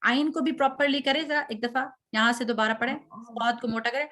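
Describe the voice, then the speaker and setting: A woman's voice: a little high, fairly even intonation, brisk, a bit bright. A woman teaching Quran recitation, patiently correcting students and drawing out each sound as she models it. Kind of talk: online recitation lesson.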